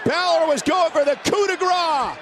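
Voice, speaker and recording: A man giving dramatic, excitable live play-by-play as a wrestling commentator. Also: extremely high pitch, normal speed, very noisy.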